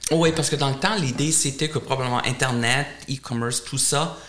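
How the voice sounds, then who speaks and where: A middle-aged man from Germany speaking French as a second language with a German accent, answering interview questions in a halting way, often repeating words. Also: medium pitch, a bit bright, a little hiss or hum. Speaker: portfolio manager, interview guest.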